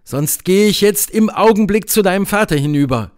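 A man's voice: high voice, unhurried, dry recording, studio quality, pitched above the performer's own voice. Man reading as an urgent young lover. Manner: urgent, demanding. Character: insistent young man in love.

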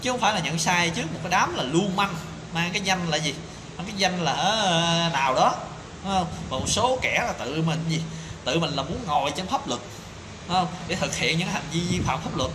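Speaking to camera on a phone in a small tiled room full of echo and background noise, a man in his thirties delivers an indignant monologue stuffed with rhetorical questions and fillers. His voice is fairly high and expressive, and his delivery brisk.

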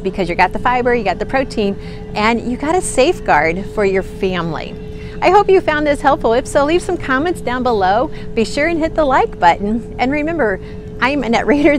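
A middle-aged woman hosting a nutrition video, talking earnestly and encouragingly to the camera in a grocery store aisle. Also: on the high side. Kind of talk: casual to-camera nutrition tip.

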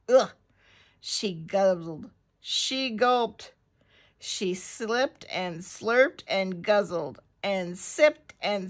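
Slow expressive woman reading a storybook. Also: mid-range voice. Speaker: librarian. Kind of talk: picture book read-aloud.

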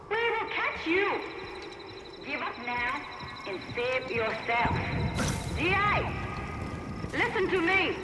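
An actor voicing an enemy soldier who speaks through a loudspeaker with slow, coaxing threats to a trapped soldier. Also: male voice, very high-pitched, very noisy, full character voice. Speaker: enemy propaganda voice. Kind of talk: video game voice acting. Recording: echoey loudspeaker broadcast over game music.

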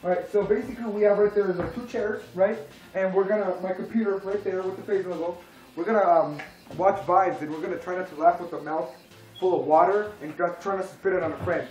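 Hyped young man, quick and high. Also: steady tone, a little mellow. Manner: fast, hyped, rambling explanations. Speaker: vlog host. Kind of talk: casual challenge vlog chat. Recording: roomy echo, faint music.

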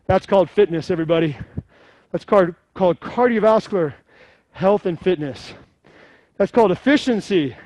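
A man's voice: high voice, no room sound. A middle-aged man coaching a live workout, giving encouraging cues and instructions to a class. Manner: encouraging, calling out cues and counts. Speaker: fitness coach. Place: indoor gym studio.

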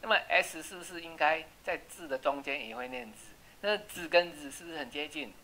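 A man teaching an English class, chatty and checking with students, slowing down to repeat words for pronunciation. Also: on the high side, bright, forceful tone, a little hiss or hum, low-quality recording. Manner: asks "right?" often. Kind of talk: classroom lesson.

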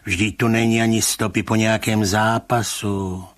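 A man reading a story aloud, voicing a gruff, weary police commissioner who speaks dryly and calmly. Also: close to an everyday voice. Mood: dismissive. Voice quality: grumbling, dry, low. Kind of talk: audiobook reading of a short story.

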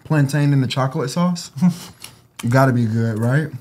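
A man co-hosting a casual food-tasting video, excitable and playful, with loud outbursts and bursts of laughter. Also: medium pitch, measured pace, slight background noise. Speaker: co-host of a food-tasting channel.

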